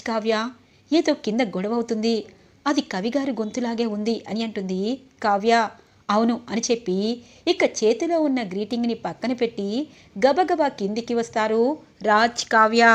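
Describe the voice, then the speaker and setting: A woman retelling a TV serial episode scene by scene, in a steady storytelling manner. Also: a little high. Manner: steady storytelling, reads every character's lines in her own voice.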